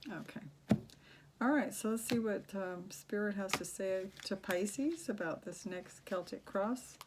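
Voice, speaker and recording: Soft-spoken woman reading tarot. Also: medium pitch, background noise. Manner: soft-spoken, halting with many fillers. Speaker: tarot reader.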